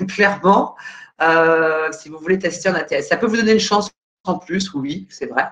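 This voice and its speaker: A woman's voice: low voice, normal speed, a bit bright. A woman career coach answering questions live on a video call, hesitant and full of fillers while searching her files.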